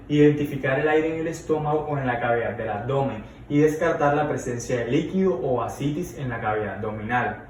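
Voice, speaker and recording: A man explaining an abdominal examination as a lesson, often pausing with fillers and restarting words. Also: medium pitch. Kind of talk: medical demonstration lesson. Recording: roomy, distant mic with faint noise.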